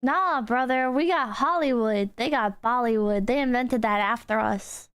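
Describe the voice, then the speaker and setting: A woman's voice: on the high side, normal speed, a bit bright, clean tone. An American woman streamer in casual chat, brash and teasing, swearing freely. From United States. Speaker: streamer host.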